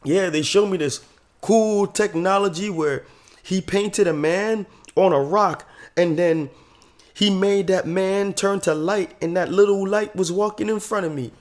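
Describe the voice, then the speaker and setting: A man voicing an excitable young boy with a Southern accent, insistently telling a wild story. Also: high voice, a little slow, voice pushed up. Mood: amazed. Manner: wide-eyed, insistent storytelling.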